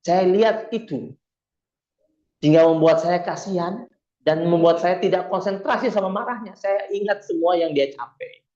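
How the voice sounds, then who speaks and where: Male preacher, casual lively sermon, slightly high pitch. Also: moderate pace, lo-fi sound. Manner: lively storytelling, acts out quoted voices. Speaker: Islamic preacher. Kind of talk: casual Jakarta-style sermon.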